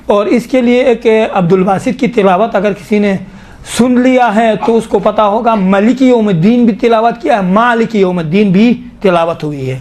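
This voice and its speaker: A man teaches the rules of Quran recitation in a patient, explanatory lesson. His voice sits high, and he often stops to ask his students questions before demonstrating verses slowly. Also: a little mellow. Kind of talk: online tajweed lesson with recitation examples.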